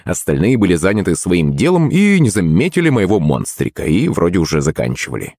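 A man narrates an audiobook in a deep, husky voice. His intonation rises and falls with lively storytelling. The sound is dry and close, with no room around it. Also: a little fast, dry recording.

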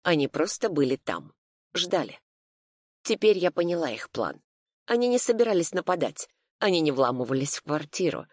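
A woman's voice: deep voice, no room sound, studio quality. Woman narrating a tense thriller. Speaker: audiobook narrator. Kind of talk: scripted first-person narration.

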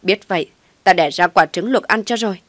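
A woman's voice: fairly low pitch, fairly even intonation, fairly quick, no echo, lightly acted. A woman voicing a stern scolding older mother. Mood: furious scolding. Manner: shouting, scolding harshly. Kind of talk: audio story reading.

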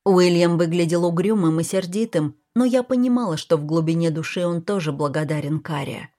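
A woman's voice: lowish voice, fairly quick, warm tone. A woman reading a novel aloud in scripted first-person narration. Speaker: audiobook narrator.

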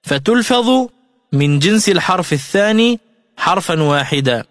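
A man giving a slow, scripted tajweed lesson on the radio, explaining rules and chanting melodic examples. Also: high-pitched, expressive, no room sound, studio quality. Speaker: Quran recitation teacher. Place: radio studio.

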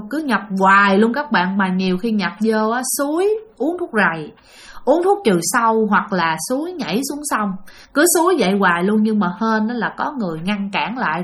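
A woman's voice: mid-range voice, a bit bright. A woman with a Southern Vietnamese accent telling a ghost story in a chatty way, often addressing her listeners directly. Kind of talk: spoken ghost-story narration.

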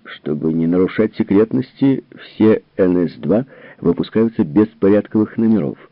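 A man's voice: low-pitched, animated, normal speed, dry recording. A man reading a worried army general. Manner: earnest, explanatory. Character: worried, troubled middle-aged male general. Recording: tinny narrow-band recording.

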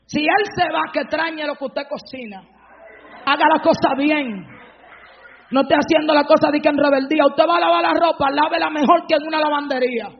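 A woman preaching a fervent sermon, breaking into shouted praise, on a dull lo-fi recording. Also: high-pitched, steady tone, a little fast, in a large hall, slight background noise.

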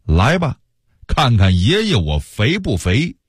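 A man's voice: medium pitch, wildly swooping pitch, slow pace, breathy edge, no room sound, clean studio sound, full character voice. Man playing a blustering hot-headed general. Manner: blustering shouts.

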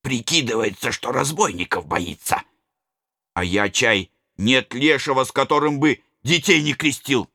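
A man's voice: mid-range voice, lively intonation, a little slow, sharp tone, dry recording, clean studio sound, heavily acted. A man voicing a blustering, superstitious servant. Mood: muttering. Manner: exclaiming, folksy scolding. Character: agitated middle-aged male servant, superstitious and blustering.

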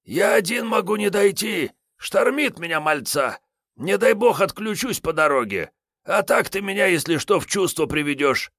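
A boorish, hungover wasteland drifter voiced by a man with a drink-roughened, raised voice that swings all over the place. He grumbles, whines and rants rudely, in a dry, close audiobook reading. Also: high-pitched, expressive, moderate pace, a bit bright, dry recording, voice pushed up. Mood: pushy, wheedling. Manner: rude, grumbling, self-pitying. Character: hungover boorish male wasteland vagrant gunman. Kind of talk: audiobook character voice.

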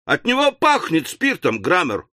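A man's voice: a little high, wildly swooping pitch, measured pace, pushed and bright, dry recording, full character voice. Male reader voicing a self-important hothead judge in an audiobook, blustering, dry studio sound. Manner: blustering, bullying. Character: pompous irascible male provincial magistrate. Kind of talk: audiobook character voice.

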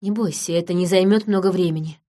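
A woman voicing a bitter, sardonic cursed nobleman with a low, weary manner. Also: steady tone, fast talker, dark tone, natural voice. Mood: grave.

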